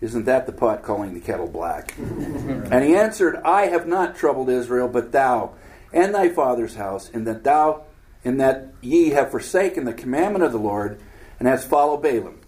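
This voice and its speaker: A man's voice: medium pitch, sing-song, normal speed, darkish tone, rough recording. A man teaching a Bible study, reading scripture aloud and breaking in with casual, joking commentary. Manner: reads scripture aloud then adds joking asides, acts out voices.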